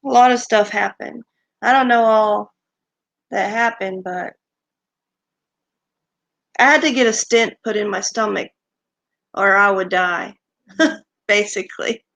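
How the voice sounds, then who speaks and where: A woman hosting a livestream, chatting casually with viewers and thanking them one by one, her voice creaky since she has just woken up and is recovering from illness. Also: medium pitch, measured pace, pauses often, fairly bright tone. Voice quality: creaky morning voice. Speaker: livestream host. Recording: dull lo-fi stream audio.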